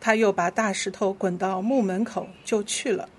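A woman leading a church service, reading scripture aloud verse by verse in a steady, clear voice. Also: mid-range voice, normal speed, slight background noise. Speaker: worship leader.

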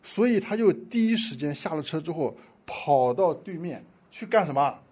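A man preaching a sermon, telling a story with impassioned swings between loud pleading and hushed asides. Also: fairly high pitch, expressive, normal speed, breathy edge.

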